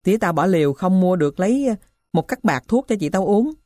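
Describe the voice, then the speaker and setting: A woman's voice: lowish voice, lively intonation, a little fast, warm tone, dry recording, studio quality, close to an everyday voice. Woman reading a grieving runaway boy. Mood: sorrowful. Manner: plain, earnest, confiding. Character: poor runaway boy, grieving his dead sister.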